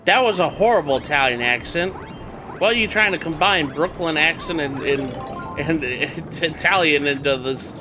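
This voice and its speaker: A man's voice: a little high, moderate pace, over music. A man co-commentating a let's play, teasing and bantering with the others. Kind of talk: casual game commentary.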